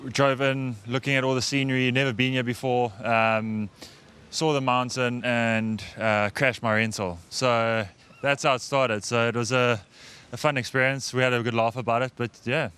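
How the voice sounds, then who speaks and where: Man, guest rider, hesitant self-deprecating, very clear tone. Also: mid-range voice, fairly even intonation, normal speed, fairly bright tone. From South Africa. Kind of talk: casual interview answers.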